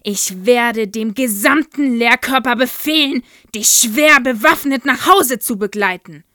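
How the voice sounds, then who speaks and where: A woman's voice: a little high, unhurried, bright, forceful tone, no echo, studio quality, pitched above the performer's own voice. A woman voicing a huge, brutal, child-hating headmistress who bellows insults at a pupil. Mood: furious bellowing.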